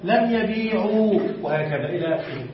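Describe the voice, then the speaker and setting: A man teaching a classroom lesson, explaining each rule step by step, stretching out example words slowly and quizzing his students. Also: high-pitched, expressive, slight background noise. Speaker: teacher of Arabic morphology. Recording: echoey room, distant dull lo-fi mic.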